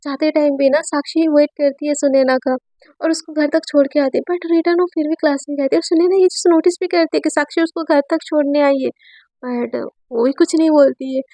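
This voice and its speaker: High, creaky-voiced woman telling a story. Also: steady tone, a little fast, warm tone, dry recording. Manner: chatty, mixes in English words, frequent filler asides. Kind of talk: casual spoken storytelling.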